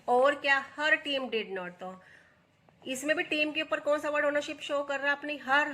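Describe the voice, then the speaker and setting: Bright-voiced Indian woman teaching grammar. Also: high-pitched. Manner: asks and answers her own questions, reads English examples slowly. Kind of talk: explaining English grammar step by step.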